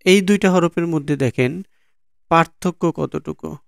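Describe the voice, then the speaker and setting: A man's voice: on the high side, measured pace, vocal fry, no room sound, studio quality. A Bangladeshi man teaching Quran letter pronunciation from slides, patiently repeating each sound many times. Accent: Bangladeshi Bengali. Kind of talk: slow slide-based lesson on letter pronunciation.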